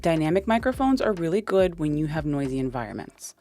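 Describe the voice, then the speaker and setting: A woman's voice: low voice, very animated, brisk, dark tone. A young woman giving a casual, chatty product walkthrough into a dynamic podcast mic, with plenty of fillers. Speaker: tech reviewer.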